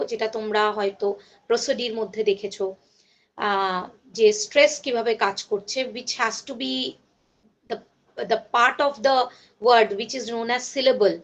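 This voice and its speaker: A woman college lecturer with a Bengali accent and a slightly high voice teaches a class, mixing Bengali with English and using many fillers and self-corrections.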